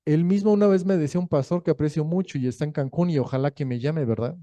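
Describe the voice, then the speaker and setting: A male pastor, preaching a sermon in a lively, joking storytelling manner. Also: a little high, quick pace, no echo, lo-fi sound. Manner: lively storytelling, acting out quoted voices; jokey, laughs between points.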